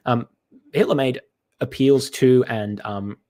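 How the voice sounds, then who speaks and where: A man with a congested, stuffy-nosed voice gives unscripted reaction commentary, halting and often restarting as he thinks aloud. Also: mid-range voice, steady tone, warm tone. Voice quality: stuffy nose from being sick. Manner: hesitant, halting, digressive with many restarts. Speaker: commentator reacting to apologetics content.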